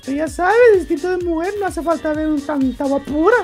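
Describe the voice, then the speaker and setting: Casting: woman playing a coy lovestruck female inmate for a game role-play, very high and teasing, faint music behind. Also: fairly quick, a little mellow, natural voice. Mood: flirty. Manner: teasing, coy, sing-song.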